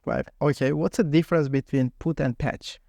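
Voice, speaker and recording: A man runs a mock technical interview, setting up scenarios and asking questions. His mid-pitched voice has noticeable creak. The recording is dry, with little room sound. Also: steady tone, moderate pace, dark tone, no room sound.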